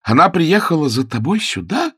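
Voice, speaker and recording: A man voicing a flighty, upset young woman in a high, girlish falsetto that sounds pleading and excitable. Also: moderate pace, husky, no echo, clean studio sound, exaggerated voice. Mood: quarrelsome. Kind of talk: audiobook character voice.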